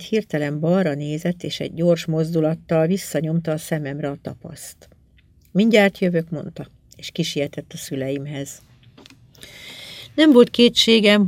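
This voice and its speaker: Low-voiced woman reading an audiobook. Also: darkish tone, dry recording. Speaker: audiobook reader. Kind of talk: first-person audiobook narration.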